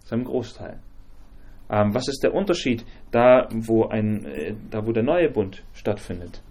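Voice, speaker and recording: Man leading a Bible study, halting. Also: on the low side, lively intonation, a little mellow. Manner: halting, many fillers and restarts, asks the group questions.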